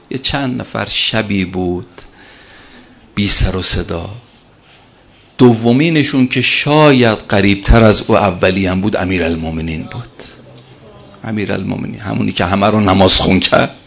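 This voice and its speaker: Man preaching a storytelling sermon; deep, gravelly delivery, emphatic and repetitive. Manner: emphatic, repeats key phrases.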